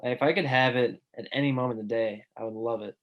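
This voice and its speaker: A young man co-hosting a casual podcast. He sounds earnest and enthusiastic, with an ordinary middle-pitched voice and a relaxed, conversational flow. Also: quick pace, muffled recording. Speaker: podcast co-host.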